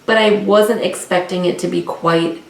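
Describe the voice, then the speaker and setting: A woman with a lowish, steady voice, moderate pace and vocal fry co-hosts a book vlog. She talks about books casually and informally, unscripted and rambling, often correcting herself. The recording is roomy, from a distant mic with faint noise.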